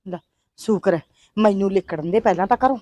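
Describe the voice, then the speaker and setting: A woman's voice: medium pitch, fast, a little mellow, dry recording, natural voice. A woman playing a fussy, bossy, impatient Punjabi housewife who mutters and exclaims dramatically in a comedy skit. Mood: fussing, muttering. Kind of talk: family comedy skit acting.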